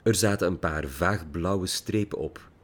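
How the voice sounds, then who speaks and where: A man narrates an audiobook. His voice is deep, and he reads slowly and deliberately. He leans into the drama with pauses and expression. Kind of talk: scripted narration.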